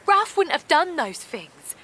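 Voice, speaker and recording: An actress gives an exaggerated, extremely high-pitched, very animated reading, unhurried and a bit bright, as a kindly, naive middle-aged village woman in a naturalistic audio drama. Upset and pleading, the character hesitates, protests defensively, speaks colloquially and repeats herself.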